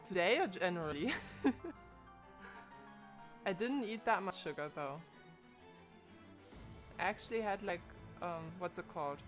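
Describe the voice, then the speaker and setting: A woman in her twenties streams live from home, chatting casually and thinking aloud into a desk microphone while she puzzles over her setup. Her voice is mid-range.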